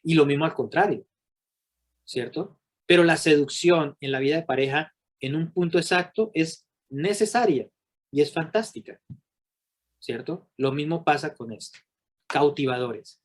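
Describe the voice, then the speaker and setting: Animated man giving a church workshop. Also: a little high, unhurried. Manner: animated, asks the audience rhetorical questions. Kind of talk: live workshop talk to a group.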